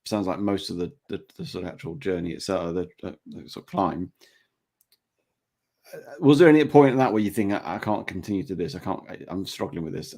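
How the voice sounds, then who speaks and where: Mellow male podcast host. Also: sits low, expressive. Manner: halting, restarts questions often. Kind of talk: interview questions.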